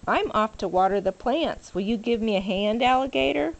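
Creaky busy storybook crocodile , read by an older woman. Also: on the high side, lively intonation, normal speed. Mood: busy, inviting. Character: busy crocodile housekeeper asking a friend for help. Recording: noisy home video recording.

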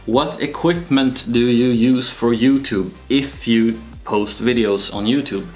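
A young man with a Swedish accent, talking slowly and casually to camera in a home vlog, with many pauses and fillers. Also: mid-range voice, soft background music. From Sweden. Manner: slow and relaxed, with frequent pauses and fillers. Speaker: YouTuber. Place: small home room with shelves, indoors. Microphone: camera-mounted shotgun mic.

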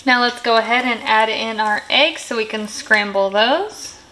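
A woman's voice: on the high side, unhurried, bright, forceful tone, roomy sound, slight background noise, low-quality recording. A woman giving a friendly step-by-step cooking voice-over in a home kitchen. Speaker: cooking channel host.

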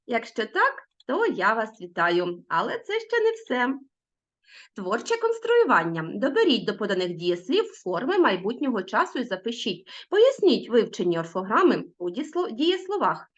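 A middle-aged woman teaching a recorded language lesson, drawing out example words slowly and stressing them. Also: fairly high pitch. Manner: lively, drawn-out word stressing. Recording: dull lo-fi sound.

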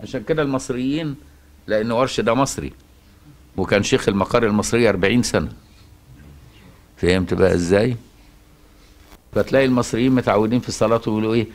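Egyptian male Quran teacher, brisk chatty delivery, checks in with the class, chants verses slowly. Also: lowish voice. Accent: Egyptian Arabic. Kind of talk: colloquial religious lesson.

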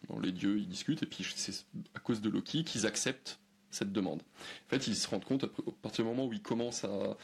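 A man, a guest on a podcast, explaining old myths in a relaxed chat, hesitant, with many fillers and restarts. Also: lowish voice, a little fast, gravelly, breathy edge. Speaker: guest historian. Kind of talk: conversational explanation.

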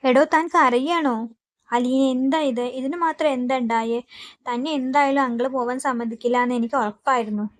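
A woman voicing a young man who calmly and earnestly tries to reason with a crying woman in a retold TV serial. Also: high-pitched, moderate pace, dry recording, natural voice. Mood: reassuring.

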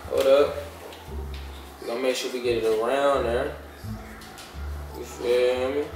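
A young man hosts a food challenge from a very echoey kitchen, sounding off mic with music behind him. His talk is casual street slang, loose and animated. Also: mid-range voice, far from the mic. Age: 20s. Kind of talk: casual vlog chat. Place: home kitchen, indoors. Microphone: camera a few feet away.

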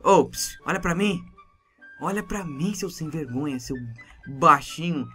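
A man with a Brazilian Portuguese accent narrating a Minecraft role-play in an excitable, exclamatory way. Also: fairly high pitch, unhurried, faint music behind. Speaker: gamer YouTuber.

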